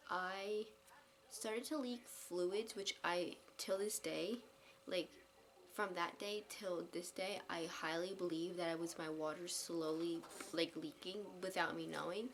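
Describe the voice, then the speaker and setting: A young woman vlogger telling a casual story at home late at night, talking softly and quietly, with many ums and likes. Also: mid-range voice, slight background noise. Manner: soft hushed talk, many fillers and restarts. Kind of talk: casual story-time vlog.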